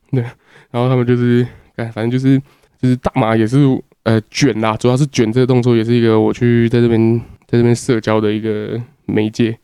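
A man's voice: mid-range voice, flat delivery, a little fast, warm tone, clear, resonant tone, no room sound, clean studio sound. A young man from Taiwan telling a crude, rambling casual story as a podcast host, swearing often.

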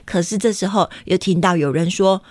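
A woman reading a picture book aloud to children, animated and playful, often asking them questions. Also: fairly low pitch, fairly quick, no room sound, clean studio sound. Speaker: storyteller.

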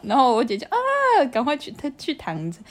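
A woman's voice: on the high side, animated, fairly quick, a little mellow. Young woman, casual podcast co-host, chatty storyteller with lots of restarts. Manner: chatty, restarts a lot, acts out childish voices in quotes. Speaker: podcast co-host telling childhood stories. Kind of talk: casual chat. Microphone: desk USB condenser mic.

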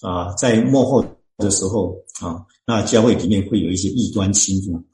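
A low-voiced man speaks as a church deacon explaining scripture in an interview. He talks earnestly, pausing on long fillers and restarting phrases as he thinks. The recording carries a noticeable echo from the room. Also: mellow. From Chinese-speaking, living in Canada.

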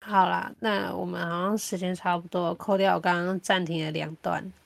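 A woman with a Taiwanese Mandarin accent, chatting casually as a podcast host and telling things in an animated, colloquial way. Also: lowish voice, normal speed, vocal fry, no echo. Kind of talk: casual chat.

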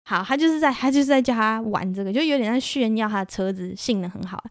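A woman from Taiwan with a Taiwanese Mandarin accent, hosting a solo podcast in an animated, chatty storytelling way. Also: a little high, fast talker, dry recording, clean studio sound. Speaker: podcast host.

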